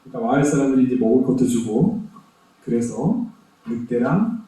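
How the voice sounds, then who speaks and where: A man preaching a children's Sunday sermon, telling stories in an animated, emphatic way with lots of repetition. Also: medium pitch, moderate pace. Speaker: pastor. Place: church sanctuary. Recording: very echoey church from far off.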